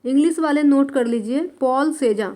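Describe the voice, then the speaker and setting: A woman teaching art for exam prep, writing on a board and repeating terms slowly for students to note down. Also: sits high, mellow. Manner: writes on a board while dictating.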